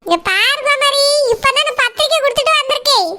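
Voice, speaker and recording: Brief: cartoon mother-in-law, Kanyakumari Tamil accent, bossy and sarcastic, squeaky high voice, loud noisy background with clicks. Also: quick pace. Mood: scolding. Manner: scolding, sarcastic, grumbling. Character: nagging older village mother-in-law, bossy and complaining.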